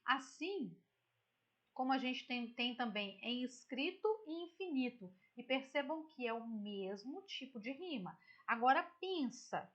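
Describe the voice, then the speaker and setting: A woman's voice: high voice, animated, measured pace, muffled recording. A woman teacher with a Brazilian Portuguese accent explains a poem in an online lesson, chatty and explanatory, often checking in with "tá?" and "né?". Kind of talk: online literature lesson, screen-share explanation.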